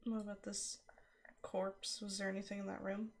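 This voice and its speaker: Woman gamer, medium pitch, informal table talk during a role-playing session. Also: monotone, moderate pace, slight background noise. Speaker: tabletop game player. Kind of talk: casual game chat.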